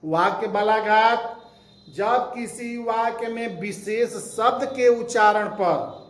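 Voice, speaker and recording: A male school teacher slowly explaining grammar to children, repeating key terms as he goes. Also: sits high, echoey room. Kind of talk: classroom grammar lesson.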